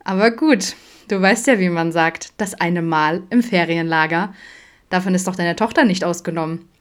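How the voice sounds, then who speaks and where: A woman's voice: on the low side, moderate pace, lightly acted. A woman voicing Vincent, a friendly, open young man with a playful, teasing way of talking, in an audiobook.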